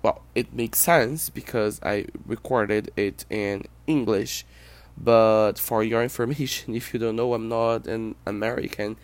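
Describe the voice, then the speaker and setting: Hosting his own personal podcast, a Brazilian man talks in English, his second language, with a Brazilian Portuguese accent. His voice sits on the low side and holds a steady tone, and he speaks reflectively, often haltingly.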